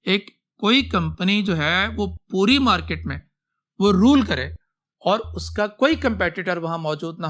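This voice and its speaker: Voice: mid-range voice, a bit bright. Patient Pakistani-accented vocabulary teacher. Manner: asks students questions and answers them, breaks words into roots. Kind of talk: classroom vocabulary lecture.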